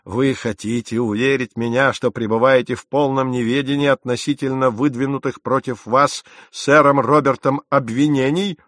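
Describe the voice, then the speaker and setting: A man's voice: mid-range voice, steady tone, moderate pace, few pauses, a bit bright, no echo, studio quality, pitched above the performer's own voice, close to an everyday voice. A man voicing a barking, furious sea captain. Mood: sarcastic. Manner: barking, sarcastic, commanding. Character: stern, furious naval captain, middle-aged man. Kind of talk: audiobook character reading.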